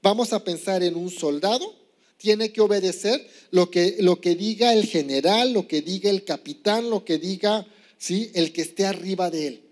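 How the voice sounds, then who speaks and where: A man's voice: sits high, normal speed. A man preaching a sermon as pastor, teaching step by step with examples and often asking "¿sí?". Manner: teaching, asks "¿sí?" after points; explains with examples, some hesitation.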